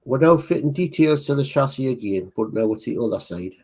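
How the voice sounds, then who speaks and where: A man with a Northern English accent co-hosting a model-building livestream, reading assembly steps slowly and pausing to check the parts. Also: medium pitch, expressive, a little mellow. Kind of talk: casual livestream build chat.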